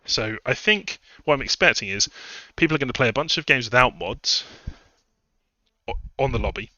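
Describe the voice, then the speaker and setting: A man's voice: mid-range voice, expressive, moderate pace, sharp tone, dry recording, lo-fi sound. A man chatting casually on a live stream, rambling through his points with fillers, a little out of breath. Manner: rambling, conversational, many fillers and restarts. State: a bit out of breath. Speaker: streamer and game modder.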